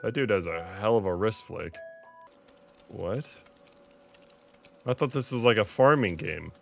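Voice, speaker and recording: A man's voice: on the low side, expressive, measured pace, vocal fry, soft background music. A young man giving casual gameplay commentary, crude and sarcastic, swearing often. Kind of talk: casual let's-play commentary.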